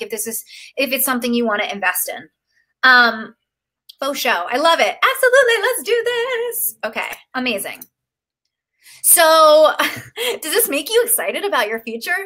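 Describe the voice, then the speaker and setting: A woman's voice: sits high, bright, forceful tone. A young woman coaching actors, talking emotionally and gushing about her course, with lots of fillers and "like". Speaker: acting career coach. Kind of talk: live-stream course pitch.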